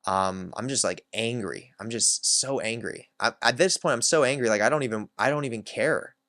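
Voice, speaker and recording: A man's voice: mid-range voice, moderate pace, pushed and bright, no room sound, studio quality. A man hosting his own channel, candidly telling a personal story in a reflective way, with many filler words. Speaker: self-help channel host.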